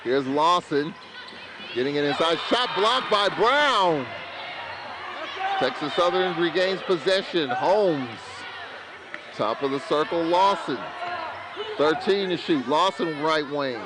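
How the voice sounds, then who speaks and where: A man calling college basketball play-by-play, bursting into excited calls on big plays. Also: fairly high pitch, unhurried. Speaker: play-by-play announcer. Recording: crowd and arena noise behind.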